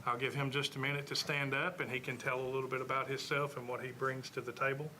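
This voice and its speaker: A man's voice: medium pitch, flat delivery, quick pace, sharp tone, a little hiss or hum, poor audio. A man serving as school superintendent, giving an earnest board meeting report with frequent fillers.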